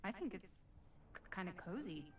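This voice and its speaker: A teenage girl in a video game, mild and hopeful. Her mid-pitched voice comes from a little way off in an echoey space. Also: sing-song, normal speed, a little hiss or hum. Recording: echoey, distant game dialogue over music.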